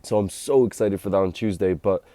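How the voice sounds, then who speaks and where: A man vlogging casually about football, congested from a cold and low on energy, rambling and chatty. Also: a little fast, mellow, dry recording. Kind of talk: casual talk to camera.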